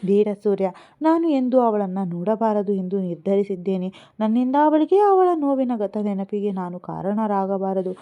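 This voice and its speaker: A woman's voice: mid-range voice, expressive, moderate pace, lightly acted. A woman voicing a remorseful young wife who pleads for forgiveness through sobbing apologies. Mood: gentle. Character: remorseful young wife, tearful and self-blaming. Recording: tinny phone-like sound.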